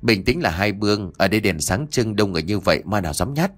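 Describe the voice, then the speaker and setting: A male narrator voicing a calm, good-natured older man who soothes a frightened neighbor. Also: fairly low pitch, fast, breathy edge, faint music behind. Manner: easygoing, chuckling calm.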